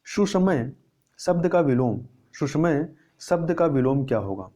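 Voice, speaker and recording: A young man talks through exam answers as a Hindi grammar teacher, with a mellow, darker tone set a little high. He repeats key words and asks himself questions before answering them. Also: animated, unhurried. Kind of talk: explaining test answers.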